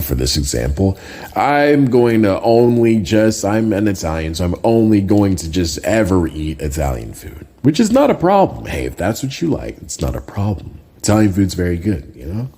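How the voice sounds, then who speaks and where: Deep, husky-voiced Jamaican-born man. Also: dark tone. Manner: conversational, often tags lines with "right?". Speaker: podcast host. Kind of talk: casual solo podcast talk.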